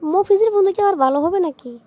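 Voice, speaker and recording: A woman voicing a teasing, sharp-tongued cartoon wife who mocks her husband. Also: very high-pitched, fast, voice pushed up. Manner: mocking, needling.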